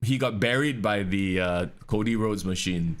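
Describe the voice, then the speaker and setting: A man's voice: on the low side, moderate pace. A young man with a Singaporean English accent, co-hosting a wrestling podcast in casual, sarcastic chat, swearing freely. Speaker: podcast co-host.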